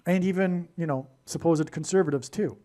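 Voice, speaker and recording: A man's voice: on the high side, normal speed, dark tone. A man delivering a rambling solo monologue, full of digressions and restarts. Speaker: prophecy video host.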